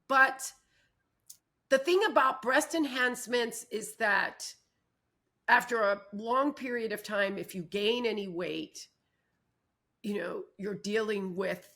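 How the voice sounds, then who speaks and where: Slow-talking bright-voiced woman. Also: mid-range voice. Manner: candid, speaks from personal experience. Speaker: co-host. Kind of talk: casual panel chat.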